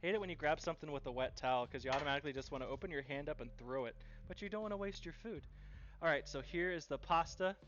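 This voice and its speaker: A man's voice: a little high, fast, few pauses, a bit bright, lo-fi sound, slight background noise. A man running a live cooking stream, chatting and cheerfully thanking viewers as he cooks.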